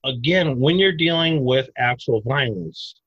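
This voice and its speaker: A man explaining self-defense techniques in a podcast interview, animated and emphatic, breaking into loud mock outbursts. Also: medium pitch, measured pace, husky, no room sound, lo-fi sound.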